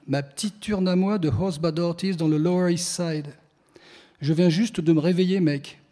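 A man's voice: on the high side, mellow. A man reading a slangy first-person literary text aloud with a rhythmic, repeating refrain. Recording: reverberant hall.

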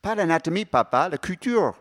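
A man's voice: high voice, lively intonation, brisk, a bit bright, voice pushed up. A man voicing an exasperated young woman who protests and corrects her father. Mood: protesting. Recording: reverberant hall.

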